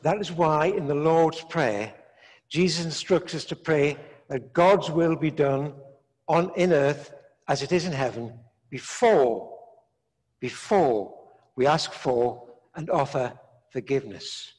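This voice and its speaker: An older man, a priest, preaching a sermon in slow, measured phrases with long pauses, recorded in a large stone church. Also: fairly high pitch, a little mellow. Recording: echoey church from a distance.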